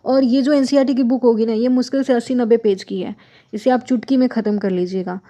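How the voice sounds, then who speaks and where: A young woman talks viewers through exam preparation in a casual, direct teaching style, giving plain advice. Her voice sits a little high, with a warm, mellow tone. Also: steady tone, quick pace. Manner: direct, advising, addresses viewers as friends. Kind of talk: casual explanatory lesson.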